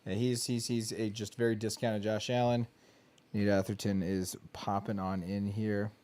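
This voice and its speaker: A man's voice: on the low side, level tone, moderate pace, darkish tone. A man hosting a casual sports betting chat, joking and rambling. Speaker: host.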